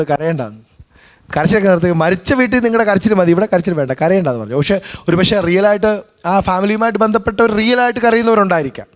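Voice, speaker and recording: Man, pastor, Malayali accent, high voice, bilingual sermon, frequent hallelujahs. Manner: preaching with repeated hallelujahs and amens, switching between two languages.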